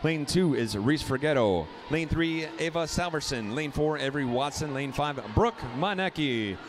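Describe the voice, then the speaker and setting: A man's voice: fairly high pitch, noisy background. A man announcing and calling races at a swim meet, reading lane after lane of names and times. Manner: rapid lane-by-lane roll call, rising excitement on close finishes.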